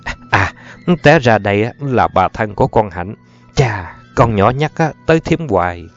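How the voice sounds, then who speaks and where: A man's voice: lowish voice, expressive, normal speed. A man voicing an eager-to-please, fluttery middle-aged male teacher. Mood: welcoming. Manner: fluttery, overly courteous. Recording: muffled audio with faint music.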